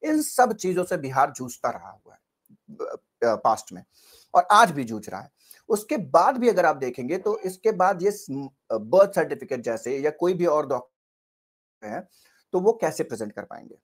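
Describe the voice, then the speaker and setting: Earnest Hindi news commentator, higher-pitched man. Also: sing-song, normal speed. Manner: earnest, questioning, with frequent hesitations and restarts. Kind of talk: spoken political commentary to camera.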